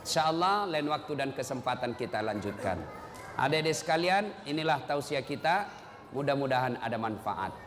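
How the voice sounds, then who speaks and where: A man's voice: mid-range voice, big pitch swings, moderate pace, a bit bright. A man preaching to a live audience. He tells stories, makes jokes and asks the listeners direct questions. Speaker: Islamic preacher. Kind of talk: lively sermon with storytelling and jokes. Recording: reverberant hall with faint ambient noise.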